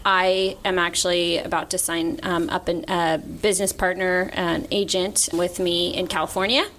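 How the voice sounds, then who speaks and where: A woman's voice: lowish voice, flat delivery, normal speed, fairly bright tone, slight background noise. A woman answering questions casually as a podcast guest, recorded in a conference room. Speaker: podcast guest, real estate executive.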